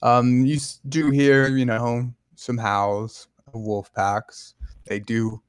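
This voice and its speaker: A man narrating as game master, halting with many ums and restarts. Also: medium pitch, little pitch movement, clean tone, no echo, studio quality.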